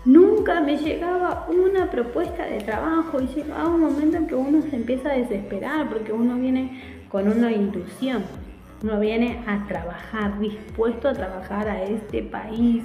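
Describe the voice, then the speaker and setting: A woman in her forties with an Argentine Spanish accent, telling her story to camera in a casual, animated vlog from a small room at home. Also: fairly high pitch, normal speed, roomy sound, soft background music, rough recording. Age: 40s. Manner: animated, chatty, gestures a lot with her hands. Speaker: vlogger.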